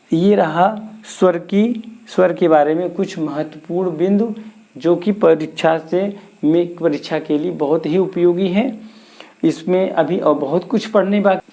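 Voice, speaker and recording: A man's voice: fairly high pitch, warm tone. A man teaching a grammar lesson for exam preparation, asking questions and answering them himself.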